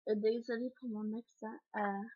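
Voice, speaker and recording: A woman's voice: mid-range voice, level tone, normal speed. A young woman with a Québécois French accent, hesitant and full of fillers, casually unboxing beauty products in a home vlog. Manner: hesitant, frequent fillers and throat clearing. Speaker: beauty vlogger. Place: home, indoors by a sunny window. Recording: dull lo-fi home video.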